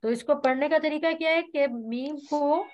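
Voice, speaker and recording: A woman's voice: high-pitched, moderate pace, dull audio. A woman teaching a tajweed class over a video call, patiently modeling each word for her students to repeat. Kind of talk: online Quran recitation class.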